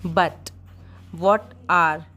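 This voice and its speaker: A woman reading out a speech as dictation practice, in short, measured phrases with clear gaps between them. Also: fairly low pitch, fairly even intonation, sharp tone.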